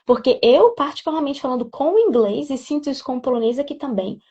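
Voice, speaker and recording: A woman's voice: sits high, lively intonation, quick pace, mellow. Earnest woman teacher, dull lo-fi sound. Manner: earnest, emphatic with repetition. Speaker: English teacher and mentor. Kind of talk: casual live interview. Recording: dull lo-fi audio.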